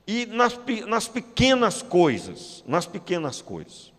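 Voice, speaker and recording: Brazilian pastor preaching in a reverberant hall. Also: male voice, high-pitched, wildly swooping pitch. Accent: Brazilian Portuguese. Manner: emphatic preaching that slows down to stress key words, with joking asides. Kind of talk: sermon. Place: church hall. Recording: long church-hall reverb.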